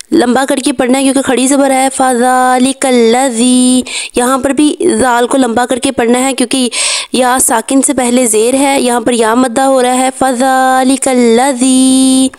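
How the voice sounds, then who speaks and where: A woman, her voice pitched a little high, teaches Quran recitation step by step. She is patient and goes slowly, repeating each word and sound so the listener can follow. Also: darkish tone, dry recording. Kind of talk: step-by-step tajweed lesson.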